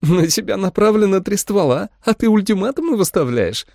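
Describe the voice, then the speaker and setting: A man's voice: high-pitched, very animated, a little fast, gravelly, dry recording, studio quality, voice pushed up, full character voice. A man voicing a tough, mocking young woman who threatens with a gun. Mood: brash. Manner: loud, brash, taunting.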